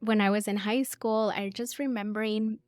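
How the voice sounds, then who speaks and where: A woman's voice: mid-range voice, fairly even intonation, normal speed, a little mellow, dry recording, clean studio sound. A woman business coach hosting her own podcast, speaking in an upbeat, enthusiastic way as she introduces the show and her guest.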